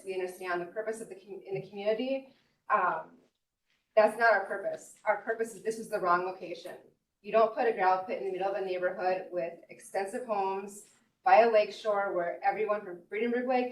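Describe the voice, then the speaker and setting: A woman from Minnesota giving formal public testimony at a hearing, earnest and apologetic, with many pauses and ums. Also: medium pitch. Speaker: appellant speaking at a public hearing. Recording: echoey hall, distant mic, faint noise.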